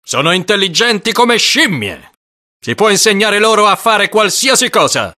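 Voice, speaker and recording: A woman reading an audiobook puts on a coarse male auctioneer shouting sales patter. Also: medium pitch, big pitch swings, normal speed. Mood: hawking. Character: brash loud male slave auctioneer, coarse.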